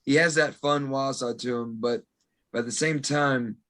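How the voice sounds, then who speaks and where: A man's voice: mid-range voice, steady tone, normal speed, a bit bright. An American man, a guest on a podcast, telling stories in a rambling, casual way. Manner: rambling, many restarts and likes.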